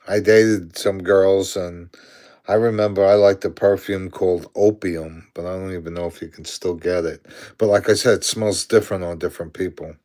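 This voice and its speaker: A low-pitched, slightly mellow voice belongs to a man in his sixties from Brooklyn, New York. In his Brooklyn accent, he chats casually on a live stream, answering viewer comments aloud with frequent chuckles.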